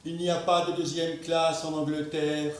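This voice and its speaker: An actor playing a formal, earnest gentleman who speaks with slow, ceremonious politeness in a stage play. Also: on the high side, flat delivery, far from the mic, lightly acted. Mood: formal, wondering. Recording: echoey room, miked from afar.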